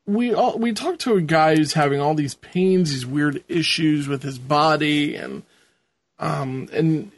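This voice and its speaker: A podcast host, a man with a fairly high voice, recaps a show in loose, rambling, casual conversation. The recording is dry.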